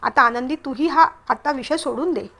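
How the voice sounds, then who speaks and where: A woman reading the part of a mild older man who calms others by reasoning, in a storybook reading. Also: high-pitched, normal speed. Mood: calming. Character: mild-mannered older man, calming friend of the family.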